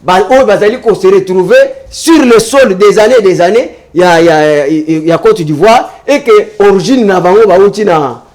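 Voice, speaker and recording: A man's voice: high voice, brisk, hardly any pauses, a little mellow. A man arguing his point in a heated political debate on a talk show, emphatic and repetitive, mixing French with Lingala. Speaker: debate panelist.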